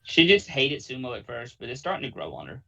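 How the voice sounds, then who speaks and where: A man's voice: medium pitch, very animated, fast talker, vocal fry, sharp tone, dull audio. A man hosting a casual podcast chat, easygoing and upbeat as he asks questions and makes recommendations. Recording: distant from the mic.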